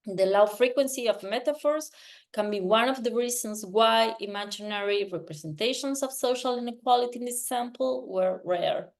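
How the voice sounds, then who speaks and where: A woman from Argentina walks listeners through her research findings. She speaks in a measured academic manner and often pauses on filler sounds while she finds her words. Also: a little high. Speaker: researcher presenting a poster. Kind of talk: academic presentation.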